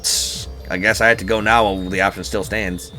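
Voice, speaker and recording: A man's voice: fairly low pitch, level tone, brisk, sharp tone, faint music behind, voice pushed down. A man reading out a brash young street tough. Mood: gruff, teasing. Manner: gruff, teasing.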